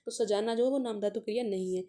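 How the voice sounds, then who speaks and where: A woman teaching a casual grammar lesson for exam preparation, working through paper questions and sounding out letters and words slowly to explain them. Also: mid-range voice, mellow. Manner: mixes English words into explanations.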